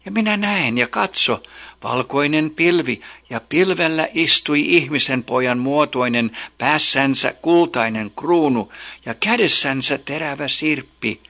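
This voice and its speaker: A man giving a steady, solemn scripted reading of a scripture chapter. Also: a little high. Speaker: Bible reader.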